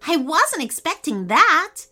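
A woman's voice: high-pitched, big pitch swings, bright, forceful tone, faint music behind, voice pushed up, heavily acted. A woman voicing an anxious, thoughtful young boy in a storybook reading. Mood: hopeful. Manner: worried, quick questions.

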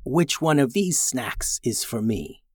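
A grumpy female crystal dragon, grumbling low and quiet, irritated by visitors and eyeing the horses as snacks, as a storyteller puts her on. The voice sits close and dry, with no room around it. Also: expressive, slow pace, no echo.

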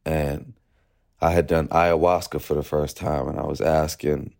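A man with a very deep, mellow voice speaks as a guest musician in an interview. He talks in a loose, reflective way and keeps saying "you know" as he thinks aloud. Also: little pitch movement, a little slow, gravelly. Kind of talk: casual interview talk.

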